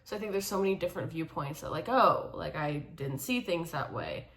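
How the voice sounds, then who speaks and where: A woman in her twenties, a film student, speaking thoughtfully with frequent pauses and fillers. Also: low-pitched, expressive, fairly bright tone, a little hiss or hum. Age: 20s. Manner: thoughtful, hesitant, with many fillers. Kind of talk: casual self-introduction.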